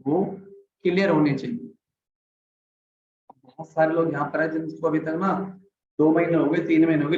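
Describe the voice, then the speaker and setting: A man's voice: on the high side, roomy sound, muffled recording. Chatty man teaching communication skills. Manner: chatty, asks the audience "right?" often; acts out examples by speeding up, slowing down and getting louder. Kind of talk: casual lesson.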